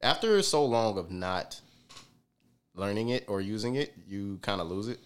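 A man with a very low voice, talking as a guest on a podcast. He is easygoing and slangy, with casual swearing. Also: expressive, normal speed, clean tone.

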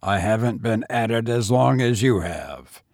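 A man doing a grim, weary gentleman tramp. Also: fairly low pitch, expressive, measured pace, no room sound, studio quality. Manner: grim, subdued, clipped. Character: weary, bitter gentleman tramp, low-voiced.

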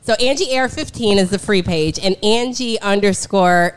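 A woman's voice: mid-range voice, clean tone. A woman hosting her own podcast, chatting in a playful, cheeky way and plugging her pages. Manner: playful, cheeky, quick to laugh along. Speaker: podcast host. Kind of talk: casual podcast chat.

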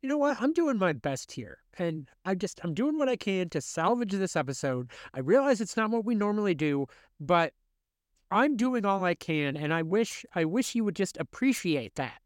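A young man hosting a podcast, telling a story in a casual chat, animated, swearing freely and acting out the quotes. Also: high voice, normal speed, dry recording. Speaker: podcast host.

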